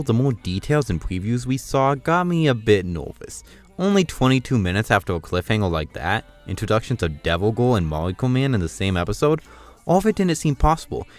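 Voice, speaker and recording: Fast, loud, animated male cartoon reviewer. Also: lowish voice, no echo. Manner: talks fast and loud, excitable. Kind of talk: casual episode-by-episode review.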